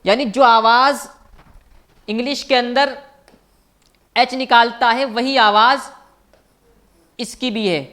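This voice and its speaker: A man's voice: extremely high pitch, steady tone, slow pace, pauses often, pushed and bright. A man teaching as a language teacher in a recorded online lecture, patiently repeating each point and asking his viewers questions.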